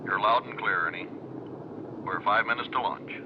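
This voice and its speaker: An actor playing a steady, businesslike bomber pilot, talking in clipped procedure over a helmet radio. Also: male voice, lowish voice, moderate pace. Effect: helmet radio transmission. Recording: dull lo-fi radio, clear aircraft noise.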